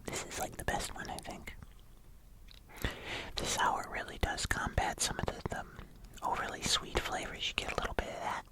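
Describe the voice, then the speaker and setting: Breathy whispering ASMR host. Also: normal speed, poor audio. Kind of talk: whispered ASMR taste-test vlog.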